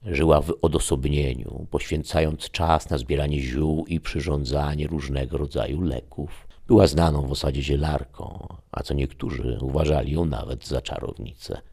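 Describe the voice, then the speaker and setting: Deep gravelly male storyteller. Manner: measured, steady reading. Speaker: narrator. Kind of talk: storybook narration.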